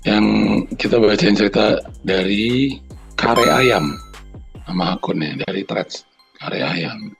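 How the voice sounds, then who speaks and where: A man's voice: fairly low pitch, lively intonation, takes it slowly, pauses often, soft background music. A man co-hosting a podcast, chatting in slang and reading a listener's horror story aloud, sounding out the noises in it. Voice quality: gravelly, husky. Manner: banters in slang, then reads steadily with sound effects.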